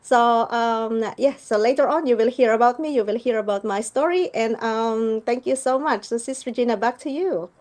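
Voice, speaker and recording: A woman's voice: fairly high pitch, moderate pace, few pauses. Earnest woman guest telling her story. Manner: earnest, warm storytelling with many fillers. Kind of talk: live show interview.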